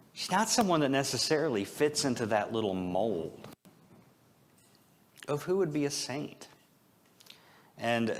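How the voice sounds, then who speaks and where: With slight background noise, a lowish male voice preaches a casual, conversational sermon at a church service. As pastor, he addresses the congregation jokingly and self-deprecatingly, posing rhetorical questions.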